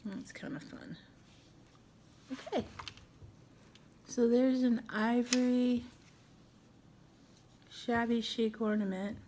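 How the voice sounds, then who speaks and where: A woman's voice: a little high, steady tone, slow pace, long pauses, warm tone, slight background noise. A middle-aged woman hosting a casual crafting tutorial at home, chatting and thinking aloud as she works. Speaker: craft video host.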